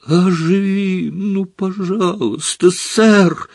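A man voicing a desperate teenage boy wizard who pleads and shouts frantically. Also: fairly high pitch, sing-song, takes it slowly, slightly rough, no echo, studio quality, pitched above the performer's own voice, full character voice.

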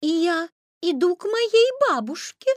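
A woman voicing a polite, wondering little girl in a storybook tale, in a high, lively voice. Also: slow, dry recording, studio quality, full character voice.

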